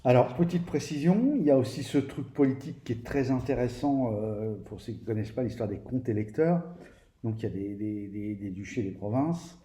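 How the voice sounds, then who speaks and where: A man's voice: mid-range voice, lively intonation, brisk, mellow. A man giving a casual spoken review of a tabletop game book, speaking to viewers directly in a hesitant way, with many restarts and fillers. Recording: roomy echo, faint background noise.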